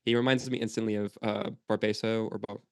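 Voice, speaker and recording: A man's voice: fairly low pitch, level tone, fast talker, no echo, clean studio sound. A man co-hosting a podcast, chatting casually and laughing often as he recaps a cartoon episode with plenty of fillers. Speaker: podcast co-host.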